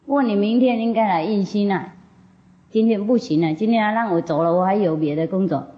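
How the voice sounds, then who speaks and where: A woman voicing a calm male spiritual master who speaks gently and patiently. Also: mid-range voice, a little fast, natural voice. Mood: gentle. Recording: dull lo-fi recording.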